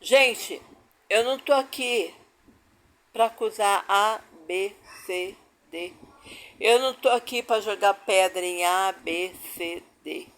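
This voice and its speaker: A woman's voice: mid-range voice, takes it slowly, fairly bright tone. An older woman with a Brazilian accent telling her own family story as a personal testimony, stressing her points by repeating phrases. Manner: emphatic, repeats phrases for weight.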